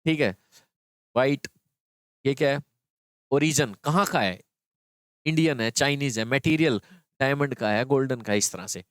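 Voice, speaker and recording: A man's voice: mid-range voice, moderate pace, long pauses, smooth, no room sound. Man, exam-prep grammar teacher, repeats phrases, talks to his students as children. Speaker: English teacher.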